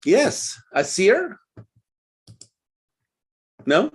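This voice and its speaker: Animated man teaching English online. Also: high voice, drawn-out words, husky. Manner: patient, coaching, repeats for learners. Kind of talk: online group English lesson. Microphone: video call.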